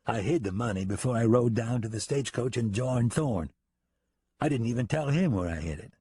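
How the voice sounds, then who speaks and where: A man's voice: medium pitch, a little fast, breathy edge. A man doing a sly, coaxing prisoner. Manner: relaxed, coaxing. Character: sly jailed outlaw man.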